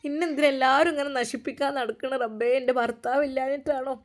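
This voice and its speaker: A woman's voice: fairly even intonation, fast, natural voice. A woman playing a weepy, accusing aunt. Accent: Malabar Malayalam. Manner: weepy, complaining, breathy low level. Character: scheming aunt, tearful and accusing, middle-aged woman.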